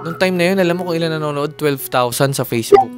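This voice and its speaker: A young Filipino man, a content creator and singer, telling a heartfelt personal story in casual Taglish on a video chat. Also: a little high. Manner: earnest, animated, speeds up and slows down with emotion. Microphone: streaming to a video chat. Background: music.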